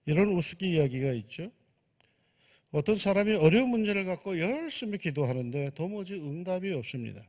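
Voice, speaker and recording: A male pastor with a high, animated voice preaches a sermon. He swings from soaring exclamations to quiet, hushed asides. His voice carries a long reverb through a church sanctuary. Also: a little fast. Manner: dramatic, shifts between loud exclamations and hushed asides.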